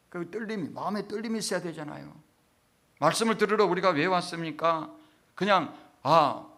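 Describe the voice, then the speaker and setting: A man preaching a sermon as pastor. He talks conversationally, asks his congregation rhetorical questions, and swings from quiet asides to loud, emphatic peaks. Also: on the high side.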